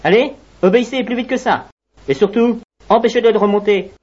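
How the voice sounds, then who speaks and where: A woman's voice: on the high side, a little fast, darkish tone, husky, highs cut off. A woman voicing a bossy, blustering ant general who barks orders at his soldiers. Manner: commanding, blustering.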